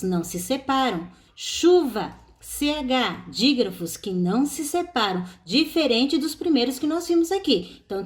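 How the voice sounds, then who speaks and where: Brazilian woman teacher, fairly high voice, sing-song delivery, explains step by step. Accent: Brazilian Portuguese. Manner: explains step by step, stressing example words. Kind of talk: recorded online class.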